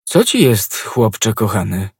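A man reading an audiobook, voicing a grave, cautious musketeer who speaks in a measured, reproachful way. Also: medium pitch, expressive, darkish tone, no echo, clean studio sound, pitched above the performer's own voice, lightly acted.

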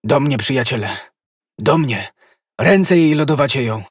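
A man playing an ardent young male musketeer, a desperate lover who exclaims loudly and urgently. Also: medium pitch, expressive, a little slow, slightly rough, dry recording, studio quality, voice pushed up.

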